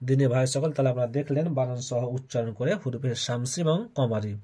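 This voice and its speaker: A man with a Bangladeshi accent teaching Quran reading, spelling syllables aloud and drawing them out in a melodic recitation, with quick plain explanations between. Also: mid-range voice, fairly even intonation, mellow, slightly rough.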